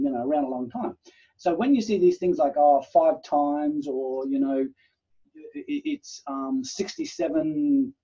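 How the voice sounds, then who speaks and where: A man's voice: a little high, gravelly, dark tone, husky. A man, a university lecturer giving an online class in a chatty, rambling way, full of fillers and acted-out quotes. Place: home room, video call. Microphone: computer microphone on a video call. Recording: muffled video call audio.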